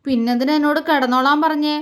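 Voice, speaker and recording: Woman voicing a shy new bride, quiet and hesitant, high voice, romance audiobook. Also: fairly even intonation, quick pace, lightly acted. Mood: doubtful. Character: shy young bride, sensitive and easily hurt. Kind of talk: romantic story reading.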